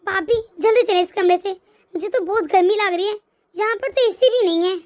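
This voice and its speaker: A woman's voice: very high voice, brisk, a little mellow. A woman voicing a snobbish young woman who looks down on others, with a haughty, dismissive manner. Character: snobbish young woman, proud of her standards. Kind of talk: cartoon voice acting.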